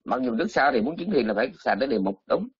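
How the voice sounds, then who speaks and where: A man's voice: medium pitch, big pitch swings, racing, slightly rough, dry recording. A male Buddhist monk, giving a chatty, teasing dharma talk full of exclamations. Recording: slightly muffled lo-fi recording.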